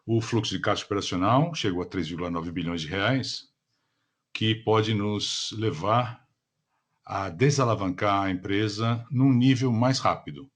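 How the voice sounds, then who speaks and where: A man's voice: on the low side, unhurried. A Brazilian man working as a simultaneous interpreter, delivering a formal business presentation.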